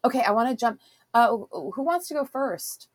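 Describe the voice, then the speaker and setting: A woman's voice: on the high side, lively intonation, normal speed, dry recording, rough recording. A woman hosting a casual interview with a chatty, curious, self-deprecating manner, who also reads a passage aloud. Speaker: podcast host.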